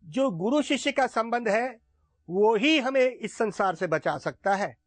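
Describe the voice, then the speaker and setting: A man voicing a calm, wise old male guru who speaks gently to grieving villagers. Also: very high-pitched, measured pace, dry recording, heavily acted.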